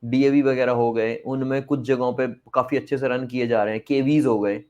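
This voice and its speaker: A former school teacher speaks outspokenly in a casual interview, mixing English phrases into his Hindi. His medium-pitched voice is steady and darkish at a normal speed, and the recording sounds muffled.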